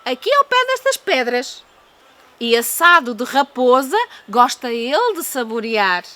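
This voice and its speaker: A woman's voice: sits high, very animated, measured pace, pushed and bright, exaggerated voice. A woman with a European Portuguese accent voicing a small, cunning, boastful male mouse in a storybook, polite, teasing and dramatic. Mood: cheeky, boastful. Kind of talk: storybook character voice.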